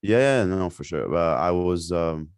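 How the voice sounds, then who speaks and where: A man's voice: low-pitched, expressive, unhurried, clean tone, no echo, studio quality. A young man from Lebanon, a singer guesting on a podcast, chatting casually with many fillers and restarts. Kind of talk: casual interview chat.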